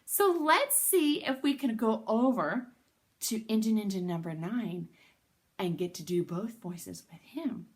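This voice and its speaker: A friendly storybook bumblebee, voiced by a woman coaxes the others along with a lively, up-and-down lilt. The voice stays near an ordinary woman's speaking pitch. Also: measured pace, lightly acted. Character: easygoing bumblebee who likes to sing.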